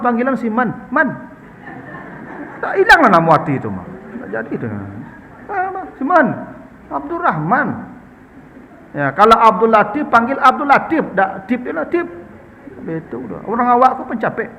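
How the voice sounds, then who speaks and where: A man's voice: very high-pitched, very animated, fairly quick, pushed and bright, long reverb tail, slight background noise. A man with a Minangkabau accent preaching in a chatty, humorous way, often addressing his listeners as sir and ma'am. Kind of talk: conversational Islamic study talk answering questions.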